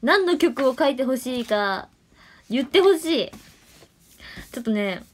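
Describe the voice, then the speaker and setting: A young woman chats alone on a livestream from home. Her voice sits a touch high, and she moves between playful talk and hushed, murmured asides. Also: animated, unhurried. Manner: chatty, playful, drops into soft murmurs and whispered thanks. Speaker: idol livestreamer. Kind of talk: casual solo livestream chat.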